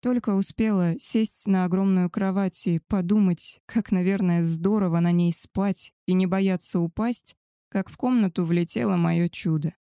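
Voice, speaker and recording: A woman reading a first-person story aloud in a wry, even storytelling manner. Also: on the low side, moderate pace, dry recording, clean studio sound. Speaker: audiobook narrator.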